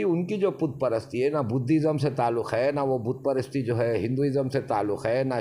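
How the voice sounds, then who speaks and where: A man's voice: mid-range voice, darkish tone. Emphatic man lecturing. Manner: lecturing, emphatic, long winding explanations. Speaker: interview guest, party leader. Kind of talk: casual interview talk.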